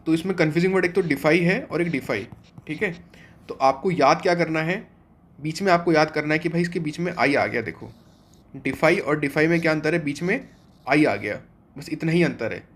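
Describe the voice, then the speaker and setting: Man teaching vocabulary, slightly high voice. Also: a little fast. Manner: explains step by step, asks and answers his own questions. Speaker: exam coaching teacher. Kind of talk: online vocabulary class.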